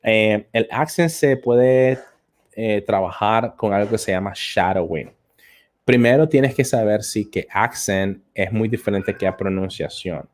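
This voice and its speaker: Hesitant low-voiced man teaching. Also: a little slow. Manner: hesitant, frequent "eh" fillers and repeated words. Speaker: English teacher and host. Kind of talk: live-stream lesson answering viewer comments.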